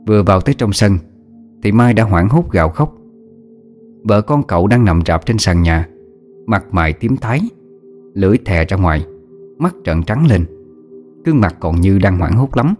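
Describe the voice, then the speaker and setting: A man narrating a horror story in a steady, measured storytelling voice. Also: lowish voice, faint music behind.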